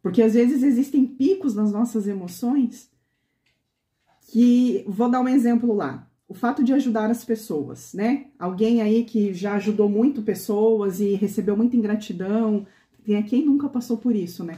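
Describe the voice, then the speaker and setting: A woman's voice: fairly high pitch, normal speed, mellow, echoey room. A woman pastor preaching a conversational sermon to a women's meeting, often asking the women questions.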